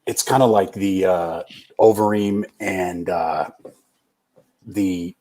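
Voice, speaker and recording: A low-voiced man with a husky edge, trading easygoing podcast banter about fights. He laughs at himself and keeps things loose and friendly. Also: fairly even intonation, slow, mellow. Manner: easygoing, self-deprecating. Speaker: podcast co-host. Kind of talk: casual fight recap chat.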